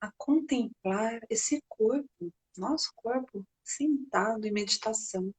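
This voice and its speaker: A Brazilian woman leading a guided meditation in a soft, breathy voice, gently and unhurriedly, with long pauses. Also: on the high side, poor audio.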